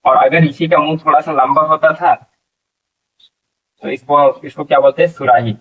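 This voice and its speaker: A man teaching an English vocabulary lesson, explaining slowly and repeating each word, asking questions and answering them himself. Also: on the high side, fairly even intonation, slightly rough, distant mic, narrow, tinny audio.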